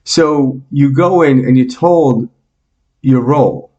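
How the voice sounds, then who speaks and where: Warm and mid-range, the man's voice moves at a slow pace, though the recording sounds muffled. He's a fifty-something New Yorker with the local accent, a meditation teacher on a podcast, joking around and illustrating ideas with homely examples in relaxed interview talk.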